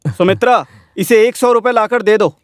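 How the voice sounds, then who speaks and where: A man's voice: high voice, normal speed, dry recording, studio quality, close to an everyday voice. A male voice actor dubbing a stern, sarcastic village moneylender who scolds a debtor. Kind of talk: Hindi film dubbing.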